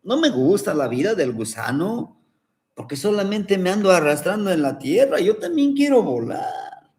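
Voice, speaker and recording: A man's voice: high voice, big pitch swings, normal speed, darkish tone, voice pushed up. A man voicing a young brave caterpillar who pleads to become a butterfly. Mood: pleading. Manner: earnest, pleading storybook voice.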